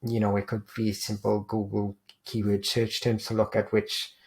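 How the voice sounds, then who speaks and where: A man with a low, gravelly and slightly husky voice talks through a screen-share tutorial. He explains step by step as he points out examples on screen. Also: monotone, normal speed, darkish tone. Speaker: digital PR agency presenter.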